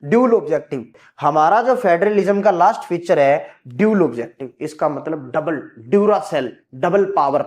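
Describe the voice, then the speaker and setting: This exam-prep civics teacher has a darkish, fairly high voice with lively intonation, talking at normal speed with hardly any pauses. He keeps asking questions and supplying the students' answers himself, quoting them as "sir," and often confirms that the class has understood.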